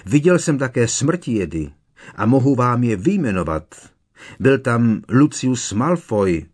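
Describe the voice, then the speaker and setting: An earnest, determined teenage boy, as a man voices him in an audiobook, urgent and insistent. The voice sits a bit higher than the narration but keeps a husky grain. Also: huge pitch swings, dry recording, clean studio sound. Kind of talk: audiobook character reading.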